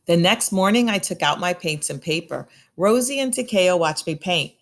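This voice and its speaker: A woman reads a children's picture book aloud with expressive storytelling flair. Her voice is on the low side and her pace is normal.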